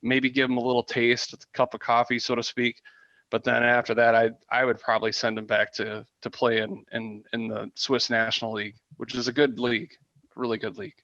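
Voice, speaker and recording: Male podcast guest, flat monotone delivery, restarts sentences, dry muffled mic. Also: medium pitch, a little fast, no room sound. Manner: hesitant restarts while giving opinions. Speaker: guest analyst. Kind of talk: casual sports talk.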